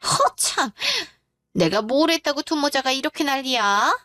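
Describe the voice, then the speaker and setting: A woman's voice: high-pitched, expressive, a little slow, pushed and bright, no room sound, studio quality, soft background music, exaggerated voice. A woman voicing a rude, scornful middle-aged mother-in-law who talks in a blunt, dismissive way in a dramatized story.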